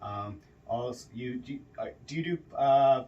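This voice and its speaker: A man hosts a casual podcast interview at a friend's home, loud, chatty and joking, packing his speech with fillers and plenty of "yeahs." His mid-range voice moves at a moderate pace. The mic is distant, giving lo-fi sound with slight background noise.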